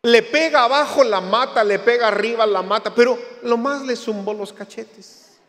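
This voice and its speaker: A man giving a lively church talk, a jokey storyteller who acts out other people's lines. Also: very high-pitched, moderate pace. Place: church hall. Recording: reverberant hall.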